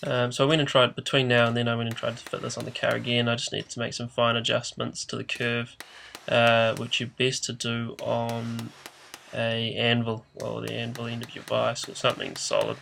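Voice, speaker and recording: A man's voice: mid-range voice, completely flat delivery, moderate pace, gravelly, fairly bright tone. A man giving an informal, hesitant how-to voice-over in a matter-of-fact way, his voice nasal and congested as if he has a blocked nose. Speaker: DIY car repair presenter. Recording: noticeable background noise.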